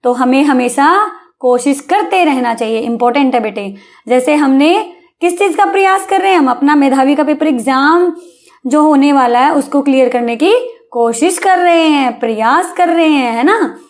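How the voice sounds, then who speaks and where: A woman teaching a Hindi vocabulary lesson to children, coaxing them with "hai na?" and spelling words out slowly. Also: high voice. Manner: coaxing, calls listeners beta, asks "hai na?".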